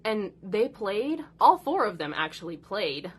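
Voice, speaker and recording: A woman's voice: medium pitch, very animated, measured pace, breathy edge. A woman in her thirties, a mother, talking casually and at length about her kids, often acting out what they said. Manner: rambling and chatty, acts out her kids' lines. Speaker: mother of four, content creator. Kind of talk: casual chat.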